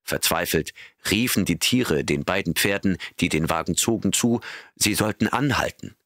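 A man reading an audiobook in a steady, measured narration. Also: low voice, no room sound, clean studio sound. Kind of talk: scripted narration.

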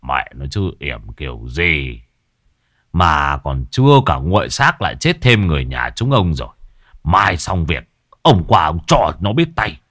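A man voicing a gruff old villager who scolds and curses angrily. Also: rumbling low, very animated, a little slow, a bit bright, no echo, studio quality, exaggerated voice. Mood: angry cursing.

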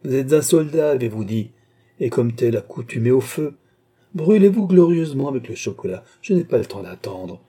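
Audiobook casting: man doing a playful, imperious young queen, voice lifted high, dark and a little husky. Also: animated, moderate pace. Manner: exuberant, raised pitch. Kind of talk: audiobook reading.

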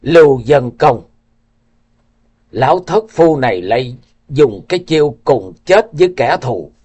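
A man voicing an old male healer who speaks gravely in a trembling voice. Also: mid-range voice, sing-song, a little slow, darkish tone, highs cut off.

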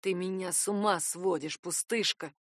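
A woman voicing a desperate, obsessive young man who hisses and growls his lines, hoarse and threatening. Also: fairly low pitch, steady tone, moderate pace, no echo, clean studio sound, pitched below the performer's own voice, close to an everyday voice. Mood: obsessive, menacing. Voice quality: hoarse, hissing. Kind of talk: audiobook character voice.

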